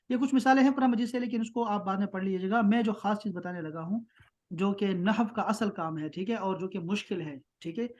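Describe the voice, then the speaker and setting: A man teaching an online grammar class. He keeps checking that students follow and slows right down to spell out terms. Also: high voice. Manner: patient, keeps checking with "ٹھیک ہے؟".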